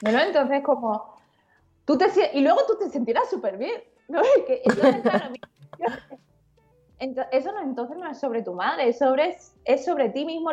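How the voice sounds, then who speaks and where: A woman guest on a podcast interview, talking in an animated, slangy and frank way. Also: high voice, lo-fi sound. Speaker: guest illustrator. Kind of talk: conversational interview.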